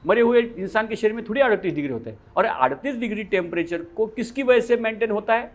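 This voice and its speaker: A man teaching a yoga class, lecturing in a lively way and putting questions to his students that he then answers himself. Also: high voice, fast.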